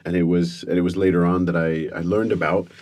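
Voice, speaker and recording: Sitting low with little pitch movement, his darkish voice moves fairly quickly. The middle-aged guest speaker and comedian, born in the United Kingdom to American parents, shares wry, self-deprecating stories in a relaxed interview, frequently starting over mid-thought.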